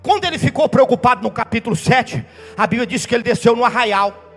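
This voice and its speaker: Fiery male pastor, high voice, quick delivery, long reverb in the hall. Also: lively intonation. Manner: fiery storytelling preacher, shouting at peaks. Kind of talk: sermon. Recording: reverberant hall with faint music.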